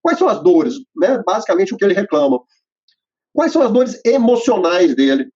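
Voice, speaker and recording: This husky, high-voiced man speaks in a sing-song, slightly mellow way and moves a little fast as he teaches accountants. He enumerates steps with plenty of fillers, all captured on muffled, lo-fi audio.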